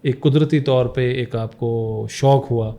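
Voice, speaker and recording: Host: man from Pakistan, middle-aged, steady measured delivery, mid pitch. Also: dull audio. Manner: measured, lots of agreeing murmurs. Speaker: podcast host. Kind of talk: casual chat.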